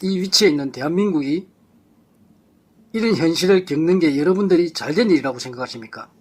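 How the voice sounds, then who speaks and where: A man's voice: on the high side, fast. A man giving an impassioned political lecture to a live audience, firing off rhetorical questions and blunt insults.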